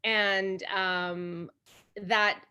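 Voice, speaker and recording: A woman from Hawaii talks as a podcast guest, her voice bright and forward. She rambles warmly through her answers, stopping to restart sentences and laughing often. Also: medium pitch, flat delivery, very slow, clean tone. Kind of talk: casual interview chat.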